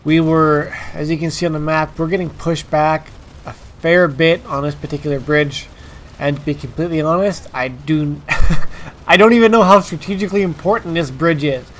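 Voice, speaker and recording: A man's voice: a little high, normal speed, a little hiss or hum. A man with a congested, stuffed-up nasal voice from allergies, hosting informal, emphatic gameplay commentary straight to his viewers. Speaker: gaming video host.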